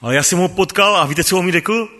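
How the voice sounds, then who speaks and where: A man's voice: high voice, bright, forceful tone, long reverb tail. A man sharing a personal faith testimony as a ministry worker, stammering through restarts and chuckling often.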